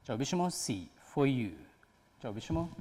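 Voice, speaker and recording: Guy teaching english on tv, really lively up and down voice, big reverby hall. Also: medium pitch. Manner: patient, explaining step by step. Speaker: English teacher hosting a TV quiz lesson. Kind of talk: TV English lesson.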